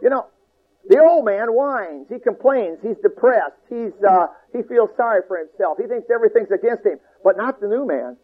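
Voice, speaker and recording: A man's voice: high-pitched, animated, normal speed, hardly any pauses. A man preaching a sermon in an emphatic, folksy, repetitive way, stacking up short phrases. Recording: tinny lo-fi radio broadcast.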